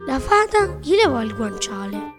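A woman narrating a children's storybook in a measured, expressive reading. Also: high voice. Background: children's music.

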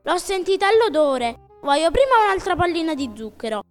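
A woman's voice: very high voice, very animated, fairly quick, faint music behind. A woman voicing a stubborn, whiny wooden puppet boy in a storybook reading, with petulant refusals.

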